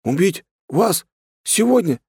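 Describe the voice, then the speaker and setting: A man's voice: a little high, moderate pace, warm tone, dry recording, studio quality, voice pushed up, natural voice. A man voicing a frightened male thug, a former violinist, who whines and stammers as he pleads. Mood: cowed. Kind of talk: audiobook character voice.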